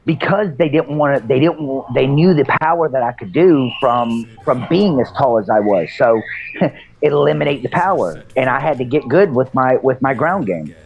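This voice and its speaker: A man in his thirties speaks in a steady, explanatory way on a casual podcast. His mid-range voice comes through dull, lo-fi audio. Faint music sits behind him. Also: mid-range voice, moderate pace, creaky. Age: 30s. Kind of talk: casual chat.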